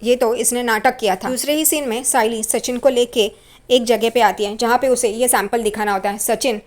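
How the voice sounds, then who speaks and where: High-voiced woman recapping a serial. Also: steady tone. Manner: brisk retelling with "yahan pe" asides.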